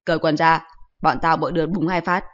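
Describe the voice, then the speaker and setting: A woman voicing a gang of rough village boys who taunt and boss an older kid around, in a storybook reading. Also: low-pitched, fairly even intonation, a little fast, muffled recording, lightly acted. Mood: bossy taunting. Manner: loud, bossy, taunting.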